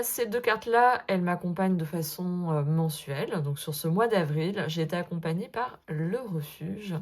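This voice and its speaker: A woman talking casually to her viewers about her tarot cards, full of hesitant fillers and gentle asides. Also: low voice. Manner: hesitant, many filler euhs, gentle and self-deprecating. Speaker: sophrologist and tarot vlogger. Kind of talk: casual spoken vlog, addressing viewer as tu.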